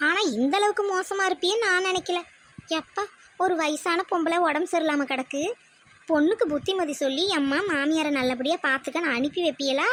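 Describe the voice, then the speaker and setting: A woman's voice: high voice, a bit bright. Woman as an indignant put-upon daughter-in-law. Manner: indignant, sarcastic. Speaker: narrator and voice artist. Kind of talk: cartoon voice acting.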